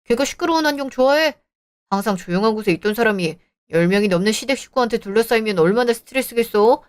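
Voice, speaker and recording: A woman's voice: a little high, animated, quick pace, natural voice. A woman voicing a defensive, exasperated young husband in an audio drama.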